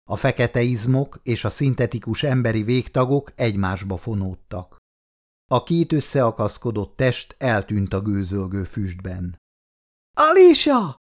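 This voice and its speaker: A man's voice: medium pitch, darkish tone. A man narrating an audiobook in a dramatic way, acting out the characters' lines. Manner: dramatic, voices the dialogue.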